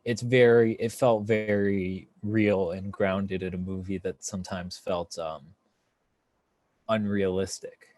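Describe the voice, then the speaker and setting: A man's voice: low voice, level tone, slow, a little mellow, no room sound. A man hosting a casual film review chat, talking with enthusiasm and rambling through fillers and restarts. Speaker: podcast host.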